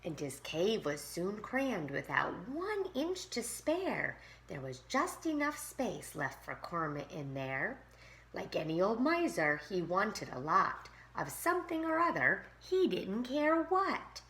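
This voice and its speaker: A woman teacher reading a rhyming picture book aloud to young children in an expressive, sing-song way. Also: medium pitch, slow pace, slight background noise. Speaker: pre-K teacher.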